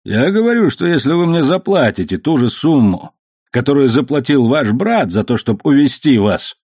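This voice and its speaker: A man reading the part of a sly, good-natured ship captain who talks in a smooth, bargaining way. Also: mid-range voice, big pitch swings, normal speed, darkish tone, no room sound, clean studio sound, voice pushed up.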